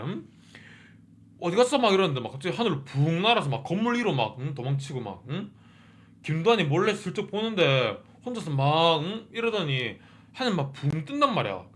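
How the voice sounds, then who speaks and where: A man hosting a review channel, chatting casually about a TV drama and excitedly tossing in little "huh?" asides. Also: a little high. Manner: excitable, keeps asking 응? and 어? mid-sentence.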